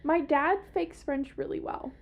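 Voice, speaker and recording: A woman's voice: sits high, steady tone, a little slow, gravelly, dull audio. A young woman hosting a podcast in casual chat, giggly and chatty, swearing freely. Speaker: podcast host. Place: small podcast room.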